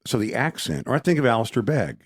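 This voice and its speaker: A man's voice: medium pitch, sing-song, fast, husky, dry recording, clean studio sound. A man, co-hosting a casual conversation and rambling through his thoughts with frequent restarts. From Texas. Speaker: podcast co-host.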